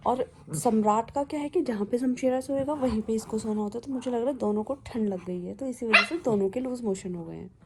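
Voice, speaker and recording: Woman, dog-owner vlogger, casual exasperated chatter, slightly high voice. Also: a little fast, hardly any pauses, background noise. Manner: chatty and exasperated, calling out to the dogs. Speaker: dog owner narrating her pets' antics. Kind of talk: casual home vlog narration.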